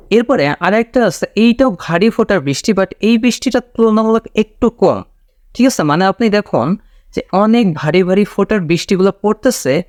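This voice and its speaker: A man with a fairly high voice gives a casual spoken lesson, explaining patiently and repeating each key word. He checks in often with his listeners. The sound is dry and close, with no room echo. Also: a little mellow. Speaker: English teacher.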